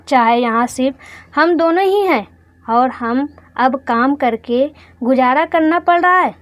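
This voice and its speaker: A woman's voice: high-pitched, no room sound. A woman telling an emotional story in the first person, earnest and heartfelt.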